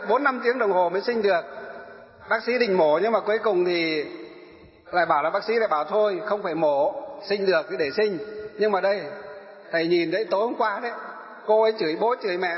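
A Buddhist monk gives a dharma talk to elderly followers, asking them questions and answering them himself. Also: male voice, sits high. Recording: echoey hall, dull sound.

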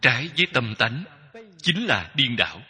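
Husky, bright-voiced man preaching in a hall. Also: mid-range voice, sing-song. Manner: slow, measured phrasing in short repeated clauses. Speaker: Buddhist teacher. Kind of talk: Buddhist dharma talk. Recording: long hall reverb.

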